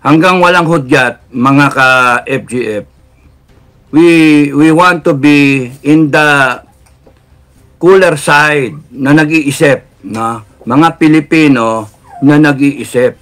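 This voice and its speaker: A man with a Filipino accent giving a heated political rant, mixing Tagalog and English, swinging from loud outbursts to low, controlled intensity. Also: slow pace. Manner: heated, swings between shouting and lowered intensity. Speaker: political commentator.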